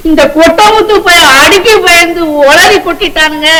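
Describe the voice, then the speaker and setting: A man's voice: extremely high pitch, moderate pace, poor audio. An actor playing a panicky male shop clerk who complains frantically about being arrested, in old film style. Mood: frantic.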